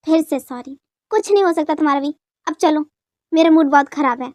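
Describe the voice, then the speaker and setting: A woman's voice: high-pitched, brisk, a little mellow, no echo, lightly acted. A woman doing [name], a curt, irritated young wife. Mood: annoyed. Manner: curt, scolding.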